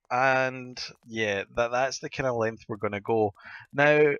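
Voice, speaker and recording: Gruff Scottish man with a sore throat. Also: medium pitch, pushed and bright, dry recording, muffled recording. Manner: rambling, thinking aloud. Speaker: gaming video host. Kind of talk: casual Minecraft let's-play commentary.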